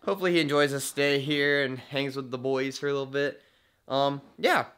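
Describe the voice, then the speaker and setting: A man's voice: mid-range voice, steady tone, fairly quick, a bit bright, smooth. A young man hosting a casual vlog from inside a vehicle, laid-back and joking, laughing often. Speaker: vlogger host.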